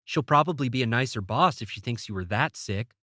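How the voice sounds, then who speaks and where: A man voicing a worried, blunt middle-aged mother who smokes, raised a little above his own pitch, for an audiobook. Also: lively intonation, fairly quick, pushed and bright, no echo, studio quality. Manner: fussing, blunt.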